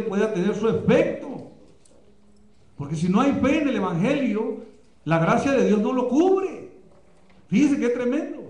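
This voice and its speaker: A male pastor preaching a sermon with passion, often pausing on fillers. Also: high-pitched, a little mellow, reverberant. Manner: impassioned preaching, many filler pauses. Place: church, live streamed.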